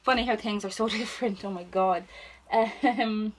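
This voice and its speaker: Sitting on the floor indoors at home, a 21-year-old vlogger from Ireland chats casually as she answers questions, her mid-range voice at normal speed and carrying an Irish accent. Her style is informal, chatty, exclamatory and self-deprecating.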